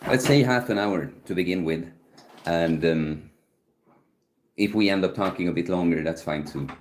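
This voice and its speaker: A man's voice: low-pitched, normal speed, slight background noise. A man, hosting a livestream and chatting casually as he muses aloud and answers viewer comments. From Sweden. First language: Swedish. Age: 30s. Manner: musing, chatty, answers chat questions aloud. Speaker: livestream host.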